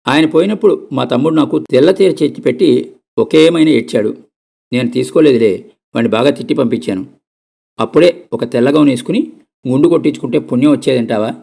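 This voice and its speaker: A man doing a gravelly, stubborn old woman. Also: medium pitch, fairly quick, dark tone. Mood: scolding. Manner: curt, scolding. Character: bedridden old woman, sharp-tongued, stubborn.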